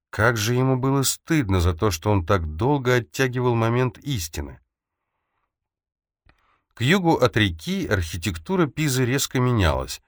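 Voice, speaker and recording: A man narrating an audiobook in a measured, even storytelling manner. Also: lowish voice, no echo, studio quality. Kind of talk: scripted narration.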